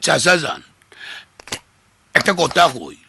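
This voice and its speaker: A man's voice: a little high, wildly swooping pitch, slow, gravelly, a little hiss or hum, full character voice. A man playing an eager, simple-minded, hard-of-hearing servant in a comic film, talking in a rustic regional Bangladeshi accent. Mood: chatty, teasing. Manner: rustic, comic, mishears and rambles. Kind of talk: broad comic film acting. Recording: loud film music behind the voice.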